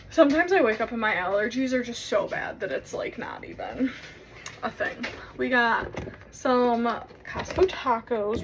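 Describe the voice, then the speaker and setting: Woman, casual vlog chat, slightly high voice, rambling with fillers, phone mic, noisy background with vehicle sounds. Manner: chatty, rambling with many fillers. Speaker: vlogger.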